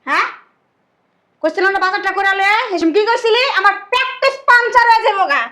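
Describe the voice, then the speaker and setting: A woman playing an older mother who scolds her lazy son in rapid dialect. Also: very high-pitched, animated, pushed and bright, exaggerated voice. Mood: scolding. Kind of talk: family drama acting.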